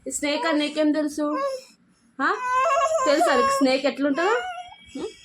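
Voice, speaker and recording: A woman's voice: high voice, lively intonation, moderate pace, echoey room. A woman filming a casual home video, teasing her child and repeating her questions over and over. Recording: loud background noise.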